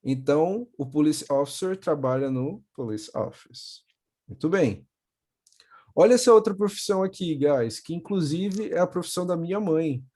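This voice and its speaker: A young man with a Brazilian accent teaching English to children in a video call, patiently repeating words slowly. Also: a little high, animated, mellow. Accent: Brazilian Portuguese. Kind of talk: online class for children.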